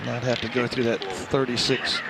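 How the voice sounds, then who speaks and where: A man giving conversational, unhurried golf commentary as an analyst, in short phrases. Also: medium pitch, gravelly. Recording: outdoor crowd and background noise.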